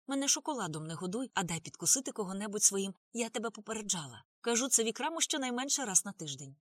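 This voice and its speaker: A teasing, sardonic young woman, voiced by a female reader, needles her friends with a lively, swooping delivery. The sound is close and dry. An audiobook character. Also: mid-range voice, fast, no room sound, pitched above the performer's own voice.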